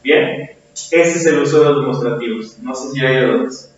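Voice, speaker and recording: A man's voice: mid-range voice, normal speed, slight background noise. A man with a Mexican accent teaching a grammar lesson to a class, often checking with "right?" tag questions. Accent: Mexican Spanish. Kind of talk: classroom lecture, also filmed for viewers at home. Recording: very echoey room, far from the mic, dull sound.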